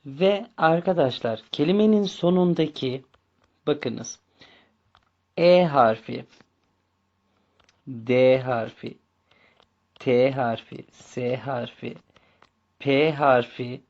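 A man teaching a language lesson, speaking slowly, repeating words and spelling out letters one by one. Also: mid-range voice, darkish tone, muffled recording. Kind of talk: slow bilingual language lesson.

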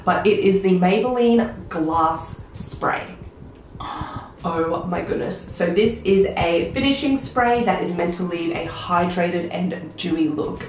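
An excitable young Australian woman talks through a makeup haul in a casual, gushing way. Her voice sounds croaky, as if she is sick. The room around her gives a noticeable echo, with a faint hum of ambience underneath. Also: lowish voice, slow pace. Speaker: beauty vlogger.

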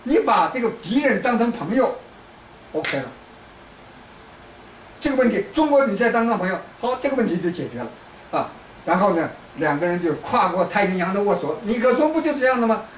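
Guy from china ranting on politics, voice sits high, lots of restarts, sounds far off in a roomy space with faint background noise. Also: very animated, fairly quick. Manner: lecturing, repetitive restarts, hectoring asides. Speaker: political commentator. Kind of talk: rambling political monologue.

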